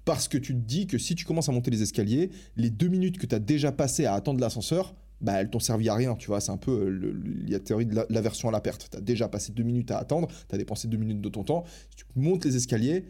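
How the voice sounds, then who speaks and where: A man's voice: medium pitch, warm tone, slightly rough. A young man hosting a podcast alone, talking casually with slang and lots of enthusiasm. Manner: fast, enthusiastic, slangy and self-interrupting. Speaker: podcast host. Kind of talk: casual solo podcast talk.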